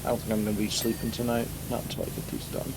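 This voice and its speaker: A man's voice: completely flat delivery, rapid-fire. A man talking casually with friends during a gaming session. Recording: clear rumbling background noise.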